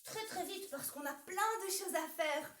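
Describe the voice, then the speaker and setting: A woman leads a children's music warm-up from her home, talking playfully and directly to her young audience. Her voice sits high and she takes her time. The room around her rings with echo. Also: unhurried. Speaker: children's show host.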